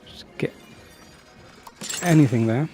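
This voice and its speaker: A man's voice: mid-range voice, slow, warm tone, soft background music. Rambling male strategy-game commentator. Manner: rambling, self-interrupting, chatty asides. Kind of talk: casual gameplay commentary.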